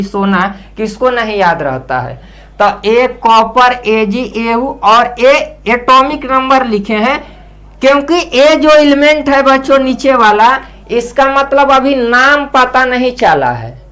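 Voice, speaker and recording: A woman teaching chemistry in a casual, patient classroom manner, going over each point again and again. She speaks slowly, with a voice sitting a little high, and chants memory tricks in a steady rhythm. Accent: Hindi-speaking Indian.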